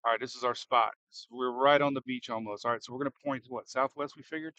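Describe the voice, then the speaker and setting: Bright-voiced man, edgy live storm-chaser commentary. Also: medium pitch, fast talker, dry recording, highs cut off. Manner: excitable, edgy, thinking aloud with repeated questions. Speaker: storm chaser and livestream host. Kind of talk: casual live commentary while driving. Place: inside a moving car in a storm.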